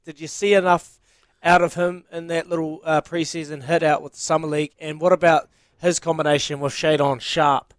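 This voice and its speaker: A man's voice: fairly high pitch, little pitch movement, fairly quick, smooth, no room sound. A man from New Zealand hosting a casual sports interview and putting questions to a guest. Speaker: interviewer, sports show host.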